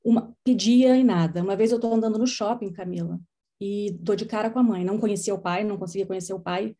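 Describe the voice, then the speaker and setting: A woman's voice: medium pitch, quick pace. A middle-aged woman psychologist telling stories from her practice in a podcast conversation, acting out what people said. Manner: storytelling, animated quoting of others. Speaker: child psychologist.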